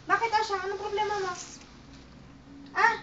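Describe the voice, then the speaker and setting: A woman's voice: extremely high pitch, flat delivery, moderate pace. A woman coaxing and pleading, asking the same questions again and again, recorded at home on a handheld camera. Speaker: parent comforting a crying relative. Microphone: handheld camera mic. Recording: muffled home video with noise.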